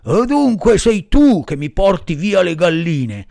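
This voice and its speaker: A gruff farmer barks and scolds, loud and threatening, his words heavy and slow, as a man reading a storybook puts him on. He sounds stern and worked up, not to be argued with. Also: high-pitched, huge pitch swings, voice pushed up, heavily acted. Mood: angry.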